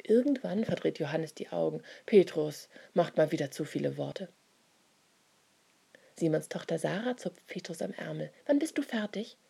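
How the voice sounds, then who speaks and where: A woman reading a children's Bible story in a soft, often half-whispered voice. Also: low-pitched, normal speed, gravelly, husky.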